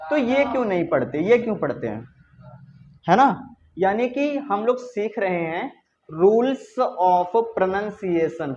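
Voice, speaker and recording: A high-voiced male teacher leads a lively English lesson in a classroom, coaxing his students by firing questions at them and repeating them. The recording is slightly muffled with a faint hum underneath.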